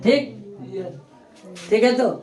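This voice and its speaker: A man's voice: very high-pitched, slow pace, darkish tone. A male teacher giving a classroom grammar lesson, repeating terms and quizzing his students. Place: classroom with a board. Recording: echoey classroom.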